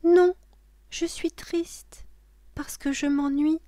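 A woman voicing a small girl in a children's story, in a high childlike voice. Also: fairly even intonation, takes it slowly, dark tone, dry recording. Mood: sad. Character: frightened, then playful little girl.

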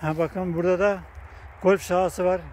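A man's voice: high voice, flat delivery, normal speed, a little mellow, a little hiss or hum. A man outdoors filming a casual vlog, coaxing animals to come closer and chatting to his viewers with affection. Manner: coaxing and affectionate, laughs often. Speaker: vlogger. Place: outdoors by grazing bison, near a bike path.

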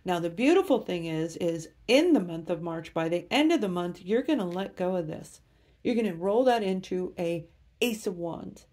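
A woman's voice: fairly low pitch, animated, normal speed, darkish tone. A woman giving a tarot reading to camera, upbeat and speaking straight to her viewers. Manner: enthusiastic, addresses viewers directly. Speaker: tarot reader.

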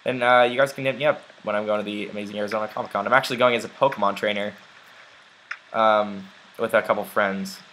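A man's voice: lowish voice, fairly even intonation, quick pace, pushed and bright, a little hiss or hum, rough recording. A young man chatting casually while playing a video game, rambling along with lots of ums and uhs. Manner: rambling, chatty, many fillers. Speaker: let's play gamer. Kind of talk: casual gameplay commentary.

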